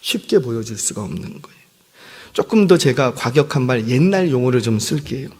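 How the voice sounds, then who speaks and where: A man's voice: mid-range voice, fairly quick, husky. A pastor in his fifties preaching a sermon in a church. He talks in a conversational way, tells stories with energy and often stops to apologize. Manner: conversational, animated storytelling with self-deprecating apologies. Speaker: senior pastor. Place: church sanctuary. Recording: long hall reverb.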